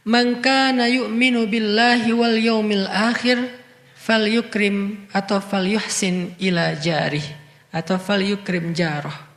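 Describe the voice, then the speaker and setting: A man giving an Islamic sermon, chanting Arabic hadith lines and then explaining them in lively, casual talk. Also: very high voice. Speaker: preacher. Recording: echoey hall reverb.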